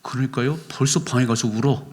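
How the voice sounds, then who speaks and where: Pastor guy giving a sermon in church, chatty, asks the congregation stuff, sometimes goes quiet and whispery. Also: mid-range voice, fairly even intonation, a little fast. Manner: conversational preaching, asking the congregation questions; drops to a hushed whisper for emphasis.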